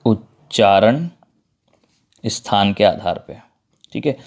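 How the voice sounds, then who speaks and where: A man's voice: on the low side, expressive, slow pace, creaky, a little mellow. A man teaching a Hindi grammar lesson, explaining step by step, repeating key terms and checking in with his students. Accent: Madhya Pradesh Hindi.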